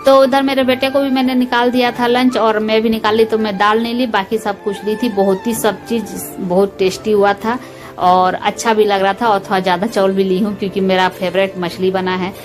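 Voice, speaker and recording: A woman's voice: medium pitch, level tone, fairly quick. A woman, a mother, chatting homely and directly to her viewers as she walks them through cooking lunch at home. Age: adult, mother of school-age children. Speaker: home vlogger. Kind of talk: casual chat narrating a cooking routine. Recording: voice under loud background music.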